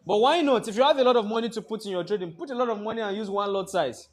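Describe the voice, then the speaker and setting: A man with a notably high voice leads a trading lesson in a classroom. He lectures and keeps throwing half-finished questions at the students for them to complete. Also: racing. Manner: quizzing the class with fill-in-the-blank questions. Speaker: trading instructor.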